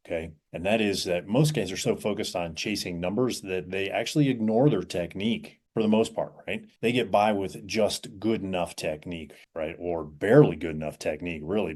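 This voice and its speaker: Low-voiced man coaching casually. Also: darkish tone. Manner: conversational, peppers lines with "right?" and "okay?". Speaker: kettlebell coach. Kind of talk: casual instructional video. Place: indoors, seated on an old wooden chair.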